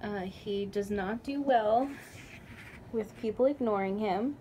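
A woman's voice: mid-range voice, slow, warm tone, a little hiss or hum. A young woman in her twenties chatting casually in a home vlog, talking sweetly to her pets. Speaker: vlogger. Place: home pet room, indoors.

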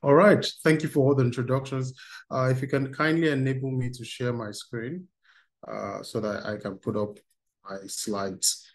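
A Nigerian man runs an interactive online workshop for teens over a video call, speaking upbeat and reading replies out from the chat. His mid-range voice holds a steady tone at a moderate pace, picked up by his webcam.

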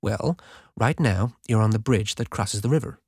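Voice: mid-range voice, moderate pace, a little mellow, husky, dry recording, studio quality. A narrator playing a cheeky inner voice. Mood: teasing. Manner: playful, matter-of-fact.

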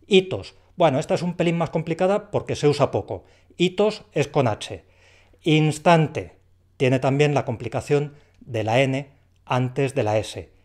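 Guy teaching spelling, clear and patient, asks questions then answers them, normal mid voice. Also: mid-range voice, expressive, measured pace, darkish tone. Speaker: language teacher. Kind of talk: explaining a dictation lesson.

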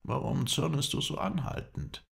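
An old Bedouin sheik, proud but rash and quick to plead, speaks in a voice raised well above the reader's own deep tone, as a man puts him on. His lines swing up and down with lamenting, pleading calls. It is an audiobook character voice with a gravelly edge. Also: big pitch swings.

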